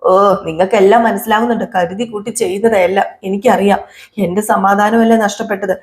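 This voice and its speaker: A woman's voice: mid-range voice, fairly even intonation, fairly quick, close to an everyday voice. A woman doing an accusing young wife. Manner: accusing, sharp questions.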